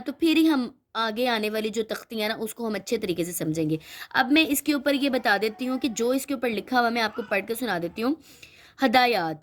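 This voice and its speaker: A woman teaching a children's Quran reading lesson, explaining each sound patiently and often stopping to check that the listener follows. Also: high-pitched. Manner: explains slowly, checks in with "theek hai?" often; models letter sounds, drawn out and repeated.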